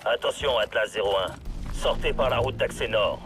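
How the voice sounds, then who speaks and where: A man playing a calm military command operator in a shooter game, relaying terse, procedural directions. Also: mid-range voice, normal speed, music in the background, lightly acted. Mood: calm, alert. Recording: battle and vehicle noise.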